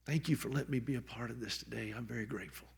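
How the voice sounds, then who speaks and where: A man's voice: medium pitch, very fast, gravelly, very noisy. A man speaking on stage at a book launch, giving a heartfelt tribute that moves between jokes and tender remembrance, often restarting his words. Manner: jokey then tender, repeats and restarts words. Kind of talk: heartfelt public tribute speech. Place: on stage at a public event.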